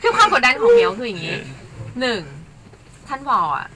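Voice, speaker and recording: A woman guest in casual chat, telling a story with animated delivery and acting out the quotes. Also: very high voice, brisk, very noisy.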